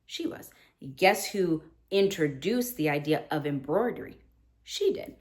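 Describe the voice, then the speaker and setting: Speaking in a low voice, a little slowly, a thirties-aged woman teacher earnestly discusses classroom practice with other teachers. She's animated and performs her own quoted lines to students.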